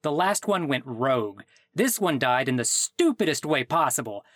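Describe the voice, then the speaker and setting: A man's voice: medium pitch, sing-song, moderate pace, a bit bright, no echo. Fed-up sarcastic guy on a complaint call, a man acting it, swings his voice all over, dry sound. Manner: sarcastic, indignant, bursts out. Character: exasperated man whose clone died. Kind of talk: comedic audio drama acting.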